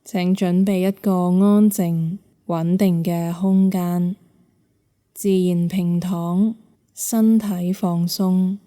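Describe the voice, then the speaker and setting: Long, soothing pauses separate the phrases as a woman with a Hong Kong Cantonese accent narrates a guided yoga nidra meditation. Her voice is low and very mellow, with a dark, deeply relaxed tone, and she speaks slowly and softly.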